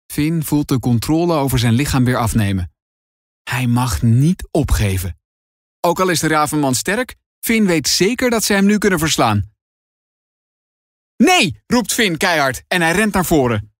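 A man reading a children's adventure audiobook in dramatic, expressive scripted narration. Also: on the high side, no echo, studio quality.

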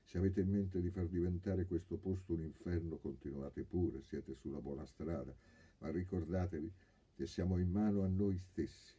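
A man's voice: deep voice, expressive, moderate pace, few pauses, mellow, slightly rough, pitched above the performer's own voice, heavily acted. An actor reading aloud voices a stern male doctor who scolds the fighting men. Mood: scolding. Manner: scolding, firm.

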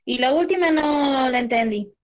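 A woman answers a tutor's questions in class. Her voice sits a little high, and her replies are short and unsure. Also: moderate pace, dull audio. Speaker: student.

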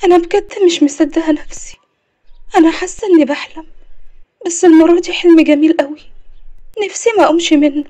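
A shy, sweet Egyptian bride of twenty, as a woman narrator voices her, high and quick. Her speech is soft and mellow. Animated story voice work. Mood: dreamy. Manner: shy, pleading, excited. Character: shy sweet 20-year-old young woman, new bride.

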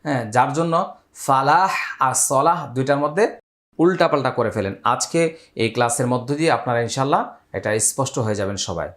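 Man teaching recitation, chanting slowly. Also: mid-range voice, fairly bright tone. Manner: spells out letters and vowel marks, then chants words slowly and drawn out. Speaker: Quran teacher. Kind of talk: step-by-step recitation lesson.

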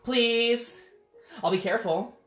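A man voicing a pleading, pushy, excitable cartoon pigeon from a children's picture book, with a whiny, wheedling delivery. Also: very high-pitched, slow pace, reverberant, faint music behind, voice pushed up, heavily acted.

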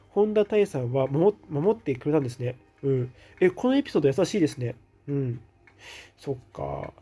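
A man hosting a casual live stream, reading viewer comments aloud and answering them with soft hums of agreement. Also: on the high side, breathy edge.

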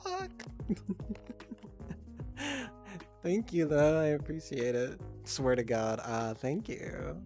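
A woman's voice: low voice, sing-song, slow pace, pauses often, warm tone, soft background music. A woman in her twenties chatting casually with her stream chat, laid-back and giggly, swearing freely. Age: 20s.

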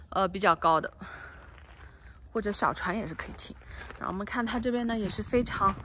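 Her voice on the high side, a real estate agent walks through a house under construction while filming on her phone, chatting casually with English terms mixed in. She occasionally lowers to a near-whisper, and there is slight background noise.

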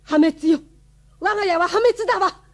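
An actress playing a distraught, scolding mother in a radio drama. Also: normal speed. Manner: shrill, scolding.

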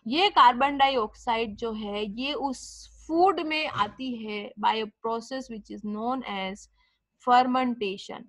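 Speaking very slowly, a young woman with a voice on the high side lectures a biology class step by step, posing questions and answering them herself. Her Hindi is mixed with English terms, and there is no echo.

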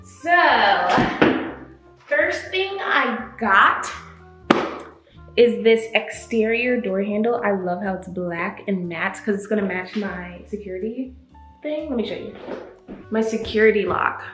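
A woman's voice: mid-range voice, expressive, slow, a bit bright, soft background music. A woman in her twenties chatting casually to viewers as she tours her empty new house, a little out of breath. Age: 20s. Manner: chatty, upbeat, talking to viewers. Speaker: vlogger. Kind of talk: casual home tour vlog.

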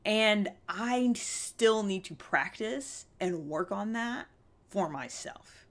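Her medium-pitched voice is expressive and slow. The speaker, a vlog host in her thirties, gives an earnest, candid self-help talk to camera in a small indoor room with a fabric backdrop, emphatic yet conversational, and she frequently asks check-in questions of the listener.

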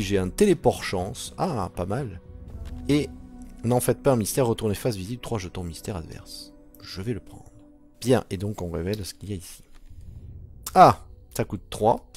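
A man's voice: on the low side, a little mellow. A man commenting on a solo board game playthrough, counting moves aloud and muttering asides.

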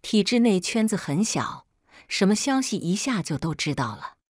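A woman telling a first-person story as scripted narration, reading in a steady, measured way. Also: medium pitch, no room sound, studio quality.

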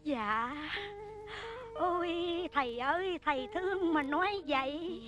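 Một phụ nữ đóng bà mẹ than khóc giọng rất cao. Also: female voice, slow, a bit bright, faint music behind. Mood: tearful, comic. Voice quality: shrill and tearful, sobbing lines. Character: grieving mother, wailing, melodramatic. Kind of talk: stage comedy sketch with sung laments.

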